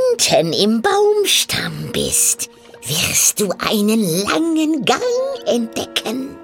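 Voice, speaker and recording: Give me a woman putting on a sly, croaking old witch from a fairy tale, slow and shrill, with faint music behind. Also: full character voice. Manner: cackling, drawn-out, shrill sing-song. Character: ugly old female witch, sly and tempting. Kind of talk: storybook reading.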